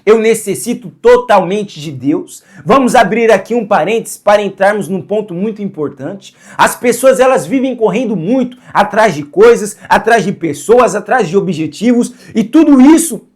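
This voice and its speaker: A man's voice: high-pitched, expressive, normal speed, hardly any pauses. A man preaching a sermon to camera, earnest, posing rhetorical questions and answering them himself, and repeating phrases for emphasis.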